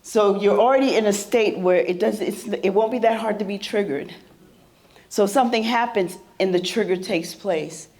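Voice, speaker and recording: A woman with a mid-range, slightly mellow voice speaks at a normal speed while presenting a workshop at a mental health symposium. She talks to the live audience in a soothing, conversational way and often puts questions to the room.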